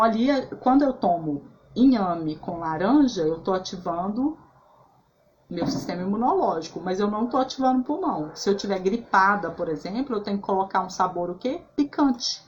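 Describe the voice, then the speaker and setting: Talking casually about food and emotions, this woman, a holistic therapist, keeps tagging lines with "né?" and "tá?" and often starts sentences over. Her medium-pitched voice is a little mellow, the highs are cut off, and there's slight background noise.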